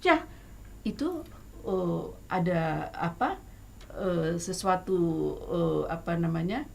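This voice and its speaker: A middle-aged woman with an Indonesian accent, talking as a guest songwriter in a casual talk show chat, hesitant with many fillers but lively and emphatic. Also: fairly low pitch, slow pace, gravelly. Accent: Indonesian, Batak.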